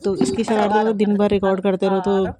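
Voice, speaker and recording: A woman's voice: mid-range voice, level tone, brisk, crowd noise. A woman in her thirties, a mother, chatting casually in a daily home vlog and repeating herself as she goes about her housework. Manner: chatty, repeats herself, talks while doing chores. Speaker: vlogger, mother of two. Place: home, kitchen and rooms.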